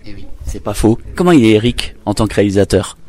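Un homme qui interviewe des acteurs et un réalisateur pour la promotion d'un film, sur un ton vif. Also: male voice, lowish voice, expressive, fast, dark tone.

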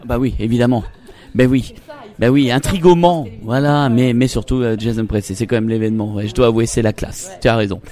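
Male interview host with a mellow voice. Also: mid-range voice, brisk. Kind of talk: chatty broadcast interview.

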